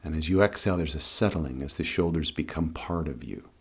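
Male meditation guide: extremely deep register, husky tone, soothing and unhurried delivery. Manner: calm, soothing, unhurried instruction. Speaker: guided meditation and breathing teacher.

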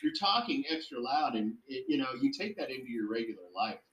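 A man's voice: medium pitch, very animated, a little fast, fairly bright tone, highs cut off. A man who works in restaurants, talking plainly and steadily as a podcast guest. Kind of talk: casual chat. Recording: roomy echo.

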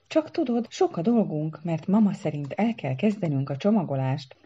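A nervous young male bird from a storybook, as a woman acts him out, eager to please and quick to stammer. The voice sits a touch higher than a low, husky base, with a warm dark tone. The recording sounds a little dull and lo-fi. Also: animated. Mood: pleading. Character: timid, mother-devoted young male bird groom.

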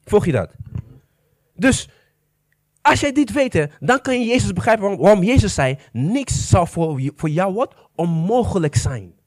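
Male preacher, high lively delivery, emphatic, quizzes the congregation, close dry sound. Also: normal speed, no echo. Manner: emphatic, asks the congregation questions, slips into English phrases. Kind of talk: sermon.

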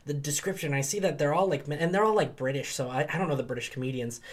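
A man's voice: fairly high pitch, quick pace. A man co-hosting a podcast as a professor, in rambling casual chat full of ums and restarts.

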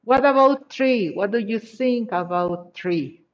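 An English teacher going over exercise answers with a class, praising each answer and switching between English and Spanish. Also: medium pitch. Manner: encouraging, checks answers with short praise; slow, deliberate delivery. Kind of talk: live class exercise review. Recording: dull lo-fi audio.

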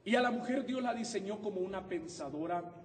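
High-voiced man preaching in echoey hall. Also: a little fast, distant mic, a little hiss or hum. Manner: animated and humorous, acting out husband-wife exchanges. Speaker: pastor. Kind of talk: sermon. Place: church sanctuary.

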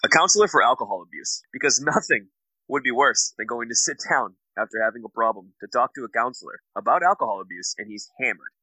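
A man's voice: mid-range voice, animated, fast talker, bright, forceful tone, no room sound, poor audio. A man co-hosting a podcast, joking casually with his friends. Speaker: podcast co-host. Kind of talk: casual comedic banter.

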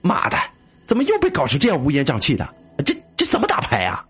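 A man's voice: fairly high pitch, wildly swooping pitch, fast talker, fairly bright tone, slightly rough, soft background music, pitched above the performer's own voice, heavily acted. A man voicing a crude male college student who swears freely and bosses people about impatiently. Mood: annoyed grumbling. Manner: swears a lot, bossy and impatient.

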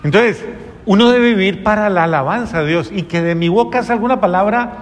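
A man's voice: high-pitched, brisk, in a large hall. A man, a priest, delivering an earnest, moralizing sermon full of rhetorical questions.

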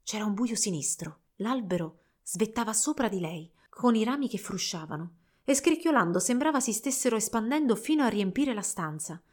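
A woman narrating a fairy tale for children in a slow, measured storytelling voice. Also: medium pitch, animated, darkish tone.

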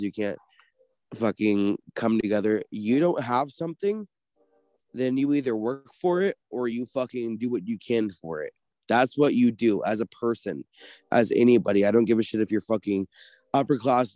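A man's voice: fairly low pitch, moderate pace, mellow, no room sound. A man co-hosting a casual podcast, ranting in a heated, profane way. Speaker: podcast co-host.

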